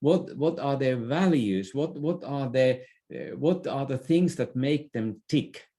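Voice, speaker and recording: Speaking with a Finnish accent, a middle-aged man from Finland who writes and thinks about business gives a podcast interview full of opinions. He sounds mellow and expressive in a mid-range voice, often halting and repeating himself mid-point.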